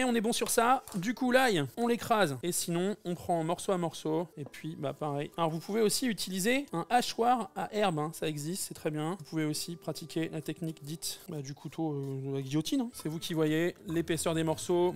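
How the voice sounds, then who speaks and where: A man's voice: a little high, fairly quick, hardly any pauses. A man in his thirties chatting casually while he cooks live, joking and thanking his viewers. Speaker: cooking streamer. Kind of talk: live-stream cooking chat.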